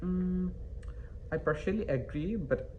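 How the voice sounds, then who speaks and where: A man's voice: high-pitched, measured pace, phone-quality sound, a little hiss or hum. A young man from Bangladesh, a student and interview guest, answering hesitantly with many fillers and restarts. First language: not English. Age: young adult.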